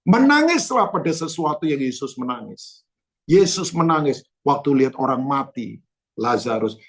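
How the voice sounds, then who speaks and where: A man's voice: medium pitch, vocal fry, slightly rough. A male pastor giving a conversational church sermon, telling stories and dropping in English phrases.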